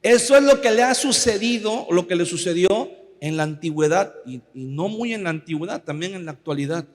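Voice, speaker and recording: A pastor preaching a sermon in a conversational way, often asking the congregation for agreement. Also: male voice, high voice, lively intonation, fairly quick. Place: church. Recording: long reverb of a church hall.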